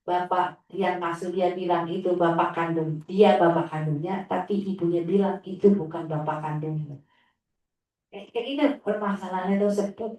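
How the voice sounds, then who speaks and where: A woman religious teacher tells an inspirational story about her students in a low, mellow voice at normal speed with fairly even intonation, now and then jumping high to mimic a sulky child's whiny replies. She is an Islamic teacher and sounds far from the mic in a very echoey hall.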